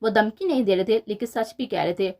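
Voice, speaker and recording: Woman, storyteller, scripted narration, mid-pitched, steady reading. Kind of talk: scripted narration of a romance novel.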